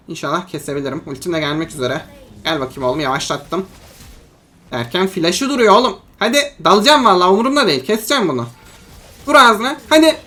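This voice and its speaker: A young adult who makes mobile-game content gives live commentary on a match, chatty and friendly as if talking with friends. At medium pitch, his voice jumps into excited yelps and shouts whenever a fight gets tense.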